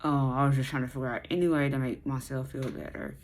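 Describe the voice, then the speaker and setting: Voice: mid-range voice, steady tone, fast talker, a little hiss or hum. An American vlogger chatting casually and expressively to viewers with folksy phrasing, mouth movement limited by a sore jaw after surgery. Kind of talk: casual chatty recovery vlog.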